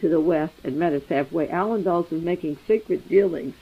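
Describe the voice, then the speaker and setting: A man's voice: fairly high pitch, fairly quick. A man delivering a rambling, speculative monologue as a commentator, thinking aloud with many fillers and asides. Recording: dull lo-fi archival recording.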